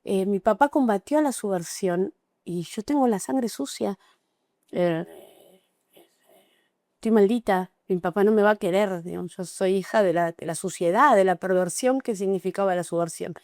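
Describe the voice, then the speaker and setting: A middle-aged Argentine woman giving an emotional, halting personal account as an interview guest, with frequent restarts. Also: mid-range voice, darkish tone, no room sound, clean studio sound. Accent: Argentine Spanish. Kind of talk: personal testimony in conversation.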